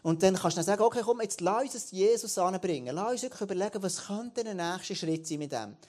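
A man, preaching to his church in an animated way, often restarting and repeating words. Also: high-pitched, quick pace. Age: late 30s. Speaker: church leader. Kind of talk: sermon.

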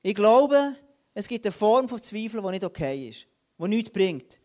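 A man preaching a sermon, lively and acting out biblical voices, slowing right down for emphasis. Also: high voice.

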